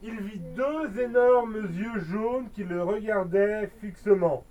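A woman storyteller reading a children's tale with playful asides and dramatic pauses, recorded on a distant mic. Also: medium pitch, dark tone, lo-fi sound.

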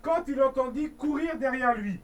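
A woman storyteller reading a children's tale with playful asides and dramatic pauses, recorded on a distant mic. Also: sits high.

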